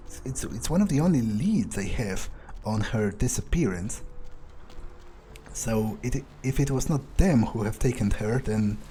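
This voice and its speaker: This man has a fairly low, mellow voice with lively intonation and an unhurried pace, over slight background noise. Playing a video game in character, he becomes a jaded, cocky vampire outcast who muses to himself in hesitant, muttering, sweary fashion.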